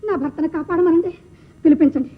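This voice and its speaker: A woman's voice: extremely high pitch, a little fast, phone-quality sound. An actress playing a devoted young queen who pleads anxiously for her husband, in a thin old film soundtrack. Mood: praying. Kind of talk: 1960s film acting.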